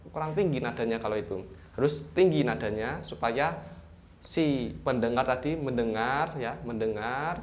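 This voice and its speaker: A man's voice: mid-range voice, a little hiss or hum. A man teaching young pupils an online lesson, speaking with a Javanese-influenced Indonesian accent, explaining step by step with frequent checking words and acting out example commands. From East Java, Indonesia. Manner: explains slowly with repeated "ya" and "nah" checks; demonstrates example sentences with raised intonation. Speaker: primary school teacher.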